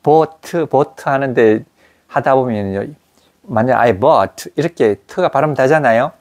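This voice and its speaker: A man teaches an English grammar lesson, explaining each point slowly and repeating phrases for a student to copy. His voice has an ordinary middle pitch and a patient, teacherly delivery. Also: a little mellow. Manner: explains slowly, drills pronunciation with repetition.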